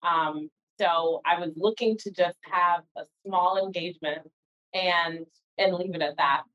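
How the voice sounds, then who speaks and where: A woman's voice: on the low side, steady tone, a little slow, fairly bright tone. A woman answering interview questions as a guest in a conversational way, recorded with dull, lo-fi call audio. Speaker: interview guest, organization founder.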